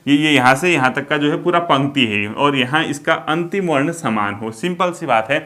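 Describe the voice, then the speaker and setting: A man teaching an exam-prep grammar lesson, explaining step by step, asking and answering his own questions, and slowing down to read example verses. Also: on the high side, lively intonation, bright, forceful tone. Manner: drawn-out, slowed reading of example verses.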